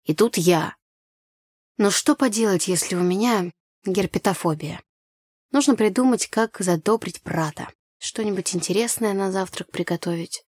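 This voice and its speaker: Lively woman narrating a young-adult novel. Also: lowish voice, normal speed, slightly rough, dry recording, clean studio sound. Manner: lively, acts out dialogue. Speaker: audiobook narrator. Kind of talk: first-person novel reading.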